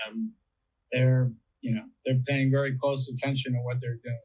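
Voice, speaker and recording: Heard through a thin, phone-like connection, an interviewee describes how air traffic control works, relying on ordinary comparisons and a conversational style. He speaks at a normal pitch in a level tone and at a moderate speed.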